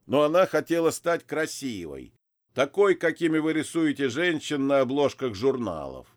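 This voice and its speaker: A man's voice: mid-range voice, sing-song, moderate pace, voice pushed up, natural voice. A man voicing a gloating, soul-buying demon boss. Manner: gloating, sneering, laughs cruelly. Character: sly mocking male demon boss who buys souls.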